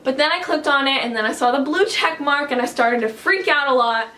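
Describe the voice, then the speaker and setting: A woman vlogger telling a story to camera at home in an excitable, chatty way, full of "like". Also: sits high, brisk, slight background noise. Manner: excitable and chatty, heavy use of "like".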